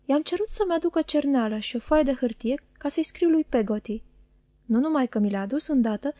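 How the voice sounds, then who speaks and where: A woman reading a classic novel aloud as an audiobook narrator, calm and measured, on a close studio mic. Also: high-pitched, no echo. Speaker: audiobook reader.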